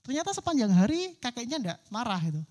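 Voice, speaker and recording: A woman's voice: on the high side, very animated, fast, darkish tone. Woman preacher at a church service, vivid storyteller who acts out her characters' voices. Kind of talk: sermon storytelling.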